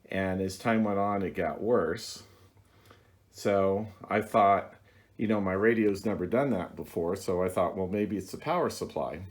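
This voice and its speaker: A man with a lowish voice hosts a hobby video, giving a casual hands-on demonstration. He talks in a halting, plainspoken, methodical way.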